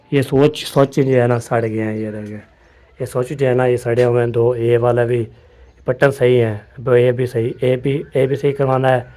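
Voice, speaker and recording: A man's voice: medium pitch, warm tone. A man with a Pakistani accent chatting casually to his phone while vlogging around his village home, rambling and repeating himself with lots of filler phrases. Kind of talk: casual vlog talk to camera.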